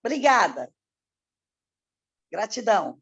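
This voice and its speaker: A woman's voice: medium pitch, takes it slowly, husky, lo-fi sound. A middle-aged woman, a former math teacher, speaking expressively in a casual study group discussion. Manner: expressive, storytelling, talks about her loud teaching voice.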